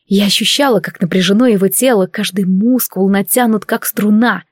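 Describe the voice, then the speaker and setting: A woman reading a first-person fantasy audiobook in an emotive, measured way. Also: mid-range voice, no room sound, studio quality. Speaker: audiobook narrator.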